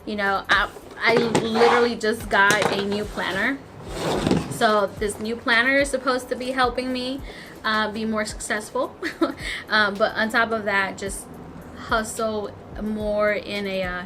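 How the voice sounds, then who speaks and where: A woman's voice: mid-range voice, fairly even intonation, measured pace, heavy background noise. Emphatic woman giving casual pep talk. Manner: emphatic, motivational, repeats for stress. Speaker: vlog co-host. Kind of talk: casual chat while eating.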